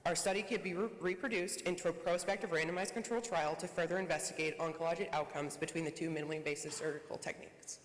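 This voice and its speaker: Quick scripted conference presenter in a roomy hall. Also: mid-range voice, steady tone. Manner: reads quickly from a prepared script. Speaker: researcher presenting a study. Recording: echoey conference hall reverb.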